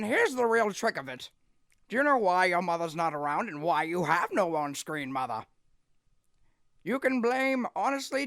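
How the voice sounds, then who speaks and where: A man's voice: high voice, fairly bright tone, no echo, studio quality, voice pushed up. A man voicing Lord Death, a cheerful, goofy, nonchalant cartoon father with a chirpy, folksy, breezily blunt manner. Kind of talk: comedic cartoon character voice.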